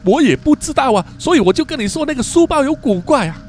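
A man voicing a panicky, foul-mouthed teenage student who keeps insisting something is wrong, over soft background music. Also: very high voice, sing-song, fast talker, pitched above the performer's own voice. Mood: panicked. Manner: frantic, swearing, insistent.

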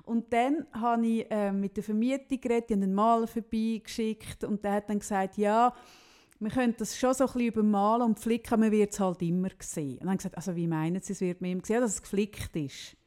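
A middle-aged woman with a Swiss German accent, co-hosting a podcast and chatting in a lively, free-associating way. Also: medium pitch. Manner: animated, free-associating, quick asides. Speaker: podcast co-host. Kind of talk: casual chat, storytelling.

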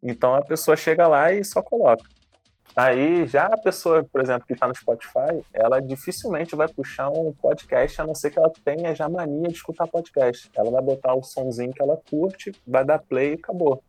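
A man's voice: fairly high pitch, brisk, a little mellow, dry recording. A man co-hosting a casual podcast, laid-back, explaining things at length. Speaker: podcast co-host.

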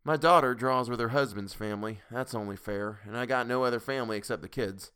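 A man voicing a quiet, resigned farming husband who speaks plainly and regretfully. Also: medium pitch, fairly quick, clean tone, close to an everyday voice.

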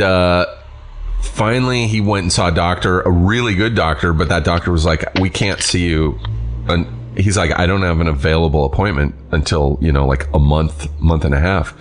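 A man hosting a podcast in casual chat, blunt and quick to swear while telling stories. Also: deep voice. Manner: blunt, swears freely, storytelling. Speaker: podcast host.

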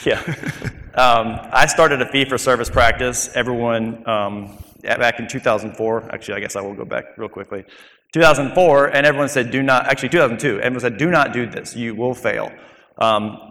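A man's voice: medium pitch, fairly even intonation, brisk, a bit bright, long reverb tail. A man who hosts a dental podcast, talking casually with easy banter as he shares his own story with a group. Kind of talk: personal story told to a group.

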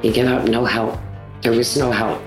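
A woman's voice: extremely low pitch, steady tone, normal speed, roomy sound, music in the background, low-quality recording. A woman in her sixties recounting events bluntly in an interview. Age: 60s. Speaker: interviewee, community member.

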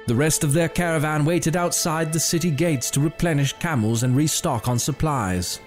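A man narrating a scripted story in a measured, dramatic storytelling manner. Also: fairly high pitch, a little mellow. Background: faint music.

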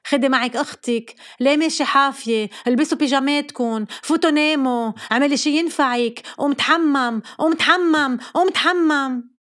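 A woman's voice: sits high, a bit bright, voice pushed up. A woman with a Lebanese accent playing a fussy, bossy middle-aged mother who scolds and fires off questions. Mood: scolding. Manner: scolding rapid-fire questions.

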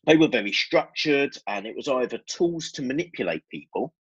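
A man's voice: mid-range voice, lively intonation, a little fast, breathy edge, highs cut off. A man with an Essex accent giving candid, explanatory answers as a guest in a conversational interview. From Essex, England. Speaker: podcast guest, business owner.

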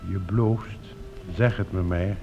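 A man's voice: low-pitched, steady tone, takes it slowly, lo-fi sound, faint music behind, voice pushed down. A man voicing a young, lovestruck male frog, earnest and eager. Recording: reverberant recording with faint hiss.

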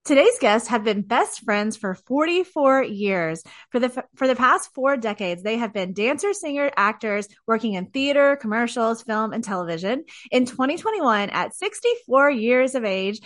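A woman's voice: a little high, fairly bright tone. Gushing woman podcast host. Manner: enthusiastic, gushing. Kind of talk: podcast interview.

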